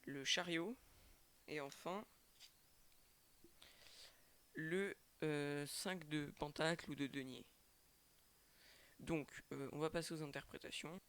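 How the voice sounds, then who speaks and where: A man's voice: fairly high pitch, steady tone, slow, pauses often, fairly bright tone, clean tone. A man doing a casual tarot reading to a webcam with a microphone, stumbling and repeating words often. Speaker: tarot reader and channel host.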